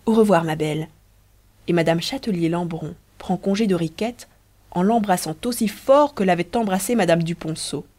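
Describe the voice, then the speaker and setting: A woman narrating an audiobook in an expressive, lively storytelling manner. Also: on the low side, normal speed. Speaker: audiobook reader.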